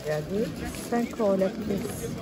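A woman's voice: mid-range voice, unhurried, over a noisy crowd. Woman vlogger in a noisy crowded market. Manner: short phrases, repeating prices to viewers. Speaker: vlogger showing market goods. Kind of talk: casual shopping commentary. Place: outdoor street market. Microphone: handheld phone.

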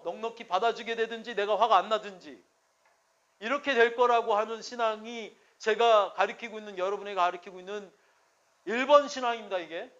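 A man's voice: sits high, fairly bright tone, highs cut off. A man preaching a sermon as pastor. He speaks in an emphatic, conversational way and keeps checking in with rhetorical questions.

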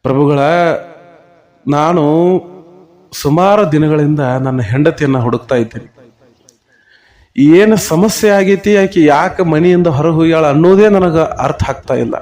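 A grieving husband pleads with a holy man in a desperate storybook voice, as a man puts him on. His voice rides a little high and breaks into emotional begging. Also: unhurried, long pauses, a little mellow, lightly acted. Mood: pleading.

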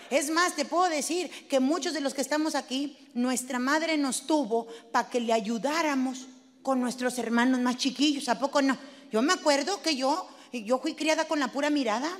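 Performing stand-up in character, a middle-aged Mexican-accented comedian tells crude, brash stories, impersonating her mother and her kids. She speaks in a high-pitched voice, and a long reverb tail follows her words.

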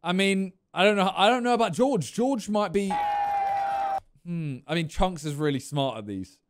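Excitable young streamer. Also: male voice, high-pitched, moderate pace. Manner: chatty, laughs often, exclaims loudly. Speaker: streamer reacting to a video. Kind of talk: casual reaction commentary. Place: gaming room with neon lights. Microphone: studio mic on boom arm with headphones.

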